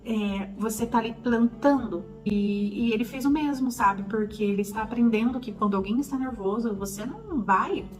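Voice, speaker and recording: A woman's voice: fairly high pitch, normal speed, hardly any pauses, music in the background, rough recording. A woman talking casually and from the heart to her viewers. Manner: heartfelt, confiding, calls the viewers "gente". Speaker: parenting vlogger. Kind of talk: casual chat to the camera.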